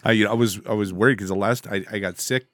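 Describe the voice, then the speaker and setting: This is a man with a deep, low, dark voice that is thickened by bronchitis. He chats casually as a co-host, recorded dry with very little room sound. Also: steady tone, quick pace, dry recording. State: congested with bronchitis. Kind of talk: casual chat.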